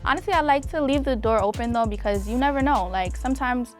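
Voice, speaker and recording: A young woman singer being interviewed, talking in a relaxed way with many "like" and "um" fillers. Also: a little high, quick pace, soft background music. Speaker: R&B singer, guest. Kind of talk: casual interview chat.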